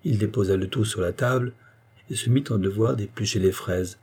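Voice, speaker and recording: A man narrating a classic novel as an audiobook in a calm, measured way. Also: on the low side, slightly rough.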